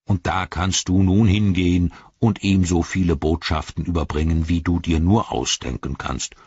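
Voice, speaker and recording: Deep, husky, unhurried man voicing an ancient tree-giant for an audiobook. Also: steady tone, darkish tone, no echo, lo-fi sound. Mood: stern. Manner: slow, deliberate, rumbling.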